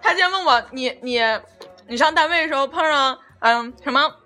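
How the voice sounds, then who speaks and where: A young woman throws teasing jokes into a casual conversation with friends. Her voice sits high and sounds bright, with faint music underneath. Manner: teasing, quick-witted interjections. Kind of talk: casual group chat.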